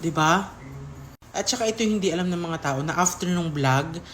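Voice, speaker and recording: A woman's voice: lowish voice, moderate pace, slight background noise. A woman giving an emotional vlog statement, her voice shaking as she pleads and speaks tenderly to someone directly. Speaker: content creator.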